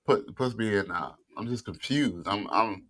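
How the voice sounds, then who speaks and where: A man's voice: lowish voice, moderate pace, fairly bright tone. A man, a military veteran, talking casually on a panel and often filling his speech with "you know what I mean.". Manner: conversational, hedging with frequent fillers.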